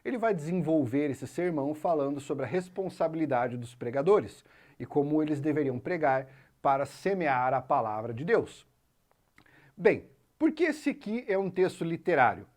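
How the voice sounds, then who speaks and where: A man with a Brazilian Portuguese accent teaching literature in a video lesson, animated and checking in with the viewer as he explains. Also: fairly high pitch, normal speed. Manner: animated, talks straight to the viewer, tags lines with "tá?" and "certo?".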